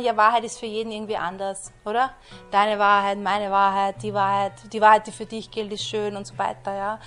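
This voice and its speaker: Preaching in a conversational, chatty style, a woman with a slightly high, fairly bright voice repeatedly throws rhetorical questions at her listeners. "You know" comes up often in her sermon.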